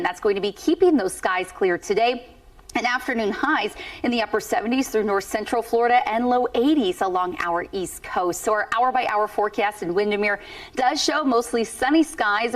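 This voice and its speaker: A woman's voice: mid-range voice, distant mic. A woman with an American accent presenting a television weather forecast.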